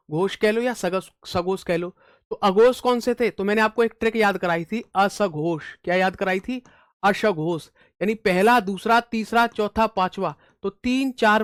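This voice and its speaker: A man's voice: high voice, dry recording, clean studio sound. Man drilling students with call-and-answer questions. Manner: recites letter series loudly, emphatic. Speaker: exam coaching teacher. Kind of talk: online exam-prep lesson.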